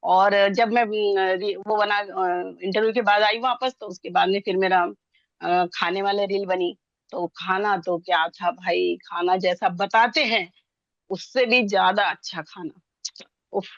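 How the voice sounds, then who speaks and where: A woman in her sixties from India tells her own story in an excited, rambling way, talking fast and restarting her sentences often. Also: mid-range voice, no room sound, highs cut off. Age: 60s. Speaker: interviewee sharing her story. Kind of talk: excited personal testimonial.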